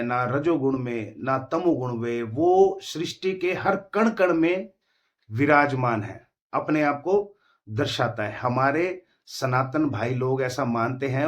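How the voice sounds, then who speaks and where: A man hosting a devotional teaching talk, explaining slowly with measured rhetorical questions to his viewers. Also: fairly high pitch. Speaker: spiritual teacher and channel host.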